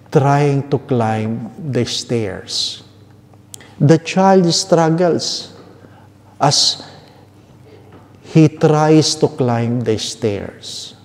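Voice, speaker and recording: Slow Filipino priest in cathedral echo. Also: male voice, medium pitch, gravelly, warm tone. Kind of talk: liturgical reading and sermon. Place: large echoing church. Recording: long cavernous church reverb.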